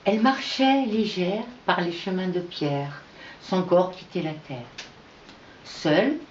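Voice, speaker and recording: A woman reading her own poetry aloud in an unhurried, measured recitation with pauses between verses. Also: on the low side, darkish tone, a little hiss or hum. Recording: echoey, dull lo-fi room recording.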